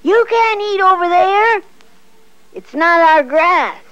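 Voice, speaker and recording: Lady doing a frustrated little boy, high and wailing, storybook voice. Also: very animated, slow, no echo, muffled recording, exaggerated voice. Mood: shouting. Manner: pleading, frustrated. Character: upset little shepherd boy.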